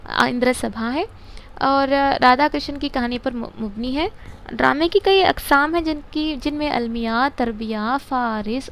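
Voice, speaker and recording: High-voiced woman teaching a grammar lesson. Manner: repeats key words and stops to check answers. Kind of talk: explaining grammar and literature to students.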